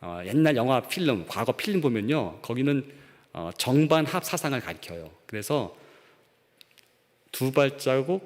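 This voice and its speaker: A man preaching a sermon as a pastor, in a relaxed, conversational storytelling way. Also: medium pitch, moderate pace. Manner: conversational storytelling, acts out quoted voices. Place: church sanctuary. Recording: long church reverb.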